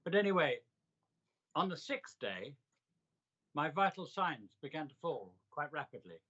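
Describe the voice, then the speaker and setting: An older man telling reflective personal stories in an interview, with a measured, emphatic delivery in short, deliberate phrases. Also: on the high side, very animated, sharp tone, dull audio. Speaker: interviewee recounting a hospital stay.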